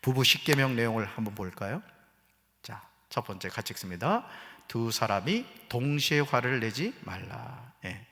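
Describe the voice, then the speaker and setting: A man's voice: mid-range voice, normal speed. A middle-aged man preaching a sermon as pastor, joking with the congregation and then turning earnest. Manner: humorous, animated preaching with jokes and quoted voices. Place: church sanctuary. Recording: church hall reverb.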